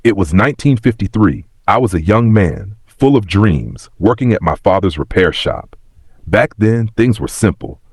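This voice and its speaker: A man voicing a wistful, regretful very old man of ninety who tells of his past in a reflective, plain-spoken, husky voice in a story. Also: on the low side, lively intonation, moderate pace, no room sound. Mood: nostalgic. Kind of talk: scripted story reading.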